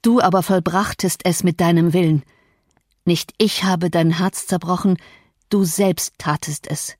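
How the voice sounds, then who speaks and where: A woman's voice: fairly low pitch, fairly even intonation, a little slow, a little mellow, no echo, clean studio sound. A woman reading the lines of a brooding, bitter man torn by love, in an intense, reproachful tone.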